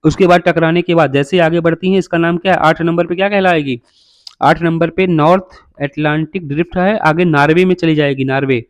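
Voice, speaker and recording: A man teaching a geography lesson from a map in a fairly high voice, asking his students a question and then answering it himself. He runs through every item by number over and over and calls the listeners brother. The close mic sounds dry, with no room echo. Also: steady tone, a little fast. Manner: repetitive, drills names by number.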